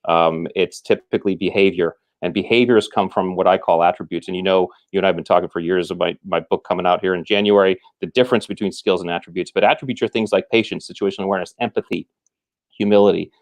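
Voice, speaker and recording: Lower-voiced man explaining with restarts. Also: fairly even intonation, fast talker. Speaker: guest, former military trainer. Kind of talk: conversational explaining.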